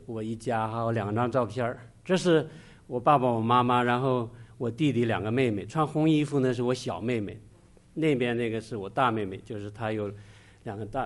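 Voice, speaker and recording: Middle-aged male preacher at mid pitch, earnest, stops and restarts mid-sentence while sharing testimony. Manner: earnest, halting, pausing often mid-sentence. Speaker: church preacher. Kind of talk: sermon with personal testimony.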